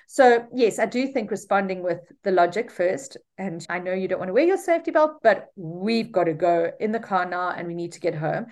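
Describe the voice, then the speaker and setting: A middle-aged woman, a mother of three, co-hosting a casual podcast in an animated, reflective way that often repeats words. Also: medium pitch, brisk, hardly any pauses. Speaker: podcast co-host.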